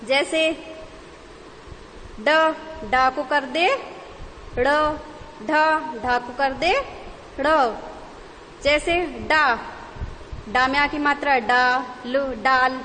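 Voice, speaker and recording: High-voiced woman teaching slowly. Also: a bit bright. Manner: slow, spelling words out piece by piece. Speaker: Hindi teacher. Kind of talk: online class lesson for young children. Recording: long reverb, faint background noise.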